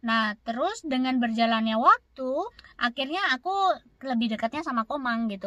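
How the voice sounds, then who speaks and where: A woman from Indonesia answers viewer questions in a relaxed, chatty vlog. Her voice is bright and a little high, and she rambles and repeats herself as she talks. The recording is dry, with no room sound. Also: no echo. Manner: chatty, repeats words and fills with "gitu". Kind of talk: casual Q&A storytelling.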